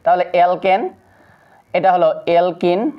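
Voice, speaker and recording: In a dull lo-fi recording, a teacher with a mid-range voice drills secondary students on chemistry by steadily reciting long lists of compound names. Frequent filler pauses break up the delivery, and viewers are addressed as friends.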